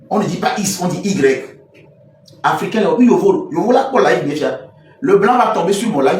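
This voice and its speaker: A man's voice: on the high side, a little mellow, distant mic. A man from Togo with a Togolese French accent, delivering an impassioned, emphatic live-stream rant and switching now and then into a local language. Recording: roomy, off-mic, faint background noise.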